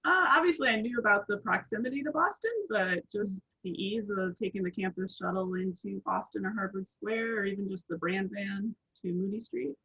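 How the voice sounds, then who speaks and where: Gravelly, husky woman reminiscing. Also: medium pitch, brisk, hardly any pauses, bright, forceful tone, rough recording. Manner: fond, reminiscing. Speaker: alumna guest. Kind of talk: casual reminiscing interview.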